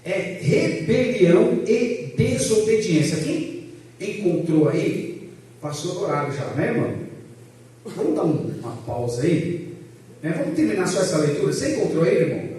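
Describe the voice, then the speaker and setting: A man, a pastor teaching a Bible class in a loud, animated way, joking with the class and putting questions to them. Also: fairly high pitch, normal speed, long pauses. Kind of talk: lively church class lecture. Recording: echoey room, voice from a distance.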